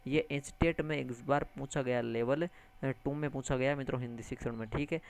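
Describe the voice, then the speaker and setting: A man teaching an exam-prep lesson, animated, repeating key terms and addressing listeners as friends, with English words mixed into his speech. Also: mid-range voice, normal speed, vocal fry. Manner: mixes English words into lecture.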